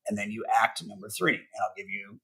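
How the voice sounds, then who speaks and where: A middle-aged man giving motivational sales advice as a podcast guest, speaking emphatically and slowing down to stress his key points. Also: lowish voice, expressive, bright, forceful tone, husky, rough recording. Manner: emphatic, spells out acronyms slowly, acts out sample calls. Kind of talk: podcast interview, motivational teaching.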